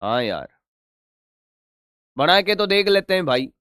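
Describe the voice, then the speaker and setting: A man's voice: sits high, sing-song, slow pace, sharp tone, no room sound, studio quality. A man teaching a physics lesson in a chatty, teasing way, working through circuit problems and answering his own students' questions. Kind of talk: online physics lesson at a board.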